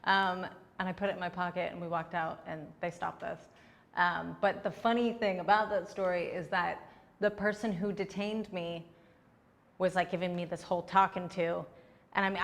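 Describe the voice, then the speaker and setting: A woman's voice: lowish voice, level tone, normal speed, vocal fry, big-room sound. A young adult woman, a comedian, giving candid, chatty answers in a casual interview.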